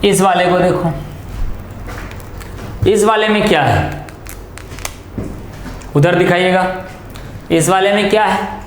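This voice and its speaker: Male chemistry tutor, high voice, echoey classroom, quizzes himself as he explains. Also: slight background noise. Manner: questions and answers himself, drawn-out key terms. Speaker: chemistry teacher. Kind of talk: classroom lecture on coordination compounds.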